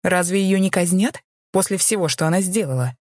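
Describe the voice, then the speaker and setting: A woman reading as a young maid who pleads in a high, tearful voice while secretly scheming. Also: brisk, a little mellow, no echo, studio quality, close to an everyday voice. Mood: indignant.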